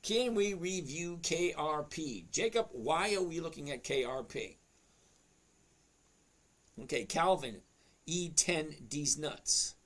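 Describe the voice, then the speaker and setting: A man's voice: a little high, expressive, takes it slowly, long pauses, fairly bright tone. A man, hosting a trading livestream in casual chat, joking and talking to viewers by name. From Boston area. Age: 60s. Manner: chatty, jokey, talks straight to viewers by name.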